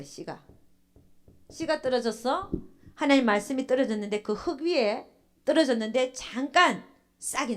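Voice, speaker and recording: A middle-aged woman pastor giving a sermon. She keeps asking the congregation questions and acts out what believers think. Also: fairly high pitch. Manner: animated preaching, asks the congregation questions, acts out church members' thoughts.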